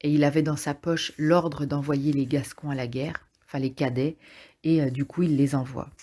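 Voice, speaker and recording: A woman's voice: low voice, fairly even intonation, moderate pace, mellow. A woman casually summarizing a play aloud, hesitant and thinking as she goes, with frequent fillers. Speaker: literature summarizer.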